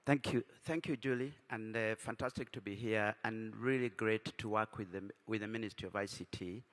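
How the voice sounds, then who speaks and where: A man answers a question on a panel in a reverberant conference hall, sounding businesslike but tired from little sleep, with many fillers and restarts. His voice is on the low side, a bit bright, at a moderate pace.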